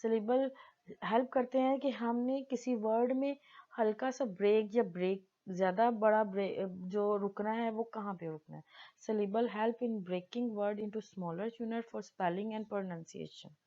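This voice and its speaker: Female tutor, deliberate classroom delivery, slightly muffled recording. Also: mid-range voice, steady tone, mellow. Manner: mixes Hindi-Urdu explanation with slowly read English definitions. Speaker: English teacher. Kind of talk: slow explanatory lesson, reading English definitions aloud.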